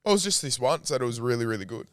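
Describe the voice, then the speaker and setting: A man's voice: mid-range voice, expressive, racing, dry recording, clean studio sound. A young Australian man co-hosting a podcast, easygoing and sweary in casual banter. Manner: laid-back, sweary banter. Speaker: podcast co-host. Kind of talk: casual chat.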